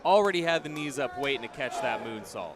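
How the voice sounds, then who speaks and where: A man's voice: medium pitch, expressive, a little fast. A man doing color commentary at a wrestling match, explaining strategy in casual, chatty phrasing. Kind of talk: live wrestling commentary, conversational analysis. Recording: noisy live event, loud crowd around him. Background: crowd noise of a live wrestling event.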